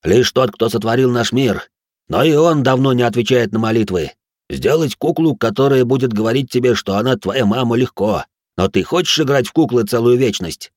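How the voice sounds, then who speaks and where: Lightly acting, a man voices a blunt former soldier who talks in a scornful, mocking, slangy way, pitching it above his own natural voice. The mid-range delivery comes at normal speed in studio quality with no echo.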